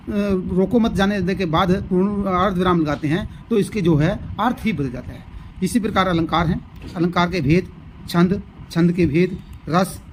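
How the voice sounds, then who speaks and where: High-voiced man giving a lesson overview. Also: darkish tone, slight background noise, poor audio. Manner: explanatory, repeats key terms. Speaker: teacher.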